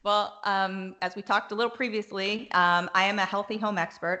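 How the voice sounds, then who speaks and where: A woman's voice: fairly low pitch, fairly bright tone. A middle-aged woman, a guest expert on a podcast, chatting and reeling off lists as she explains. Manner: chatty, listing items in rapid runs. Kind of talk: podcast interview.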